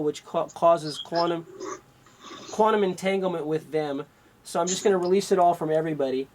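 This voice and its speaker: A man's voice: a little high, a little mellow, poor audio. A man working as an energy healer on a radio call-in show, talking in an instructive way. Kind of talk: call-in healing session.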